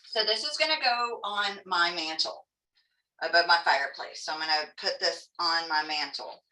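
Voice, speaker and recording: A Texan woman with a Texan accent teaches a live online craft demonstration, chatty, folksy and joking at her own expense. Her fairly low voice sounds bright and forceful at normal speed. Recorded from a distance, she stands a little back from the mic in a room with clear echo.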